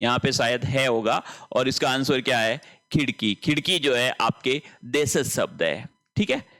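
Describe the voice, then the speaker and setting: A man teaching Hindi grammar as he works through an exam paper, explaining each answer step by step and stressing key points slowly. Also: medium pitch, expressive, sharp tone. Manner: explains step by step, often repeating "dhyan rakhen". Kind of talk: exam paper solution lesson.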